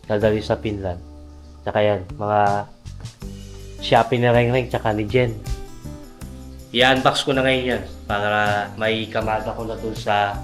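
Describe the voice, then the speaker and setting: Man, Filipino accent, low voice, slight gap-toothed lisp, casual chatty vlogging, music behind. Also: fairly bright tone. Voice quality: slight lisp from missing front teeth. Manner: chatty, informal. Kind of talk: casual vlog chat to viewers. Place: home kitchen while cooking.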